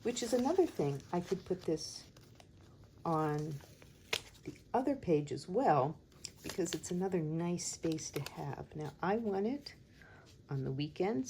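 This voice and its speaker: A woman chatting casually and thinking aloud in an unhurried, musing way as she hosts a planning session. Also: lowish voice, lively intonation, warm tone, slight background noise. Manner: unhurried, musing, talks to herself while working. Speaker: host of a planner decorating video.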